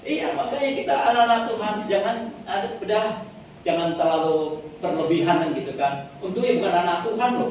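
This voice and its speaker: A middle-aged man, a pastor, giving an informal, rambling sermon and leading the congregation in reading aloud. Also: on the high side. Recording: very echoey hall, distant mic, noisy.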